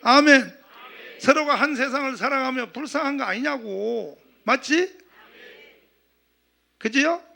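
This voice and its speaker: A middle-aged man from southeastern Korea preaching a sermon as pastor, animated, acting out quoted voices and calling for amens. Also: very high-pitched, unhurried, creaky, pauses often. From Gyeongsang region, South Korea.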